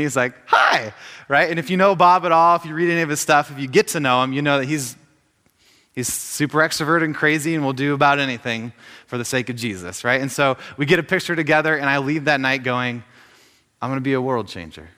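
A man in his thirties giving an informal faith talk, telling stories with jokes and quick asides. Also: medium pitch, bright, forceful tone, long reverb tail. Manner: joking, storytelling, lots of asides. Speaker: speaker at a faith gathering.

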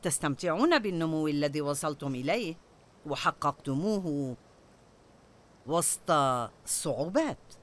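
Lively older woman preaching a sermon. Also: low-pitched, measured pace, pauses often. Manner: asks the audience rhetorical questions.

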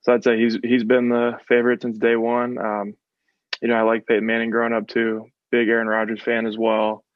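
A man in his twenties from the American West Coast, a football coach answering interview questions in a measured way, with many ums. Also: mid-range voice, monotone, dry recording. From West Coast of the United States. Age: 20s. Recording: slightly dull, lo-fi sound.

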